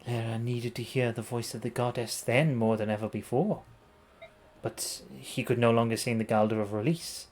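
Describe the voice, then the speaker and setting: A man's voice: mid-range voice, steady tone, moderate pace, darkish tone. A man streaming a game, reading its story dialogue aloud in a playful, dramatic way with casual asides.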